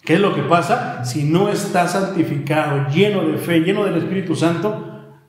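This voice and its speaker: Emphatic Mexican preacher, fairly high male voice, rhetorical questions, very echoey church hall. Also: normal speed. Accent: Mexican Spanish. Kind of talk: sermon.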